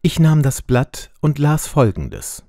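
A man narrating an audiobook in a measured, expressive first-person reading. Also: on the high side, no room sound, clean studio sound. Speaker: audiobook reader.

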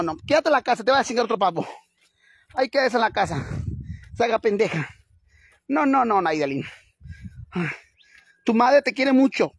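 Un hombre haciendo de una señora mexicana malhablada. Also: male voice, high-pitched, breathy edge, no echo, exaggerated voice. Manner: crude, chatty, dramatic, addresses viewers as sisters. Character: brash foul-mouthed middle-aged woman out jogging. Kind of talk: comic character vlog. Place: outdoors on the street.

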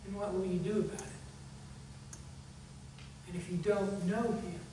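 A man preaching a sermon as pastor, telling a story in a conversational way and closing in soft prayer. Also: sits high, fairly even intonation, a little slow. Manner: conversational storytelling, earnest appeal, fading to hushed prayer. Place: church sanctuary. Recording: echoey church hall, far from mic, faint hum.

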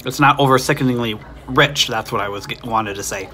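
A chatty, easygoing man filming on his phone at arm's length thinks aloud with ums as he explores outside an empty restaurant and later reviews food inside a diner. He speaks at a medium pitch, a little fast.

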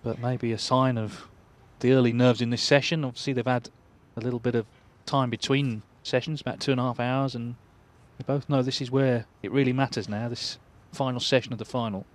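A man giving measured snooker commentary as a match commentator. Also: medium pitch, fairly even intonation.

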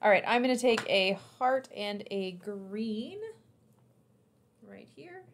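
A woman's voice: medium pitch, lively intonation, takes it slowly, a little hiss or hum. A woman chatting casually during a board game livestream, making brief teasing remarks.

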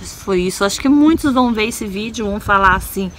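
A woman's voice: medium pitch, brisk, a little hiss or hum, poor audio. A woman from Brazil, a vlogger, talking earnestly and confidingly in a personal confessional video, often checking in with her viewers. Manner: earnest, confiding, tags lines with "sabe?" and "né?".

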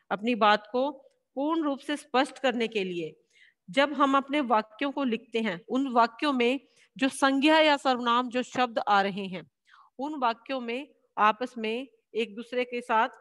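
A woman teacher giving a classroom lesson, explaining slowly and answering her own questions. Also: on the high side, fairly bright tone, long reverb tail. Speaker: school teacher.

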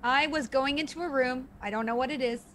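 A woman in casual game chat, teasing and animated. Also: high-pitched, brisk, slight background noise.

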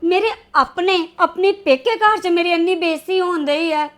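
A hurt married daughter, played by a woman, complains through tears. Her voice is very high and aggrieved, in a homemade family drama. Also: moderate pace. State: crying.

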